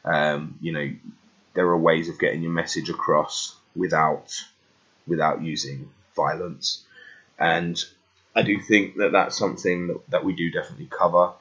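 A British man with a very deep voice hosts a podcast in a casual way. He speaks haltingly, doubling back on phrases. The recording is slightly dull and lo-fi. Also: fairly even intonation, fairly bright tone. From United Kingdom. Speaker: podcast host.

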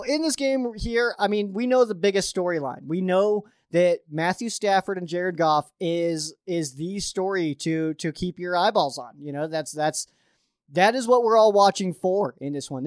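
On a sports podcast, a high-voiced man gives a casual game preview, openly rooting for the team and using lots of fillers and restarts. The sound is studio quality with no echo.

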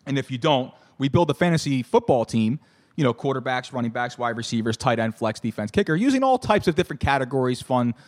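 A man in his thirties with a hoarse, shot voice, hosting a casual show solo in a halting, jokey, self-correcting way. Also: medium pitch. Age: 30s. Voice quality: hoarse, worn-out voice. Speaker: solo host of a fantasy football show.

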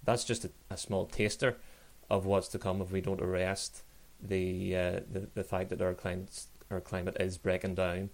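A man speaking as a podcast guest, earnest and halting, with many restarts. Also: low voice, level tone. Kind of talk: discussion.

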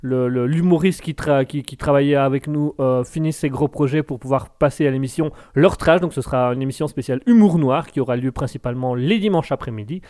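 A man's voice: medium pitch, a little fast, hardly any pauses, dark tone. A man hosting a live stream, reading out viewer messages in a jokey, rambling way with many restarts.

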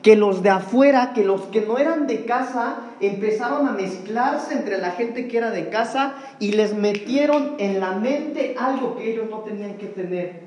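A man's voice: sits high, normal speed, darkish tone. Preacher man, earnest sermon, talks straight to the brothers. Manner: earnest, addresses congregation as brothers.

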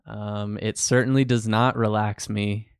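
A man's voice: lowish voice, little pitch movement, a little slow, clear, resonant tone, dry recording. Male co-host, laid-back and agreeable, dry close sound. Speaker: podcast co-host. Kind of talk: casual chat.

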